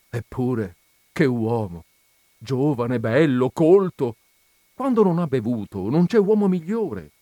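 Brief: man voicing a put-upon landlord in a read-aloud story, plaintive, lively pitch, mellow dry voice. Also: no room sound. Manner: plaintive, complaining, deferential. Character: harried, deferential landlord, middle-aged man.

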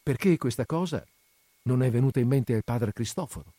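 A man reading aloud and voicing a shy, meek young peasant woman who speaks softly and humbly. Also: mid-range voice, a little fast, dry recording, pitched above the performer's own voice, lightly acted. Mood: timid. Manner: soft, subdued.

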